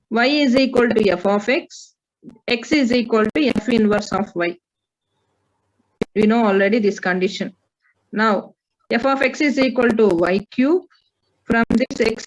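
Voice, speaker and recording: A woman with an Indian accent teaching a maths class, working through problems and prompting students with questions. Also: on the high side. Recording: dull, lo-fi audio.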